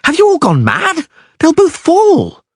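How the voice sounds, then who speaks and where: A man voicing a loud, frantic troubadour in an audiobook, yelling in a shrill voice. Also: wildly swooping pitch, normal speed, husky, no echo, studio quality, exaggerated voice. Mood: outraged.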